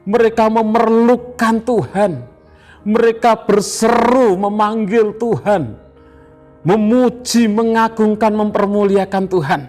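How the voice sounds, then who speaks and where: A man with an Indonesian accent preaching an evening devotional sermon, slow and emphatic, repeating phrases. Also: high-pitched, steady tone, darkish tone, soft background music. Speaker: pastor.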